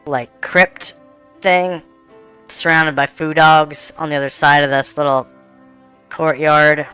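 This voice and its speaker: Mężczyzna prowadzący grę fabularną jako mistrz gry, z głosem przepuszczonym przez filtr zmieniający go na kobiecy. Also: male voice, fairly high pitch, flat delivery, sharp tone, smooth, faint music behind, voice pushed up. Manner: unhurried, explaining rules and scenes. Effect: female voice changer filter. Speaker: game master. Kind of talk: narrating an online tabletop game.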